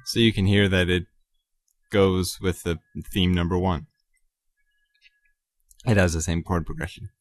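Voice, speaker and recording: A man hosting his own podcast, talking casually and haltingly about composing, with many ums and self-corrections. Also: sits low, steady tone. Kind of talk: casual solo talk about his music.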